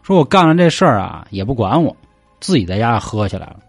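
Man playing a dopey young scholar, whiny and cussing, dry close mic, soft music behind. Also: mid-range voice, very animated, fast talker, creaky, dry recording. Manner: whiny, coarse, easily upset. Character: naive simple-minded young male scholar.

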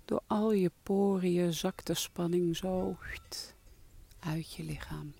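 A soft-spoken meditation guide leading a relaxation exercise in a calming, breathy voice that trails into whispers. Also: medium pitch, takes it slowly.

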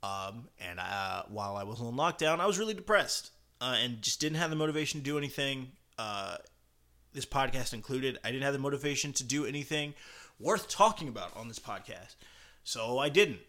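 A male podcast host gives casual solo commentary in a bright, forceful voice of average pitch. He speaks haltingly, working out his thoughts aloud as he goes. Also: lively intonation.

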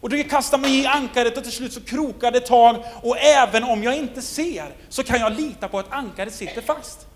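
A man's voice: extremely high pitch, hardly any pauses, a little hiss or hum. A man preaching a sermon, retelling a scripture story and putting rhetorical questions to his listeners. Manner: asks the listeners many rhetorical questions, loudness swings widely.

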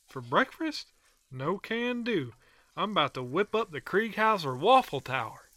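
A man's voice: high-pitched, big pitch swings, measured pace, sharp tone, no room sound, full character voice. An actor playing a folksy, easygoing country man who calls in to a radio show, full of colorful sayings. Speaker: caller.

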